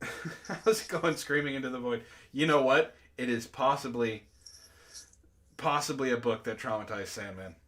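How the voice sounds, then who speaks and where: A man with a mid-range, slightly bright voice hosts a book club stream at a moderate pace, reading aloud and breaking off into exasperated, incredulous asides full of casual, jokey banter.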